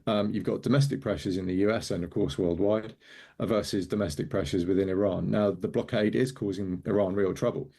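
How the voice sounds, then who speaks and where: A Welsh man speaking as a guest analyst, measured and hesitant with frequent ums. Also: on the low side, fairly even intonation, mellow, slightly rough. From Wales. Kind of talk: interview commentary.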